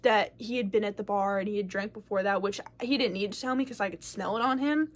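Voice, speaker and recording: Speaking quickly at a medium pitch, a young female vlogger shares a personal story straight to camera. She's candid, curses freely and fills her speech with filler words, growing louder and softer as she animates the tale.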